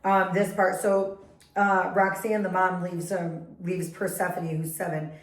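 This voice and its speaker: A woman co-hosting a podcast in a casual book chat. She is giggly and animated and talks in quick bursts. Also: lowish voice, roomy sound, poor audio. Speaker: podcast co-host.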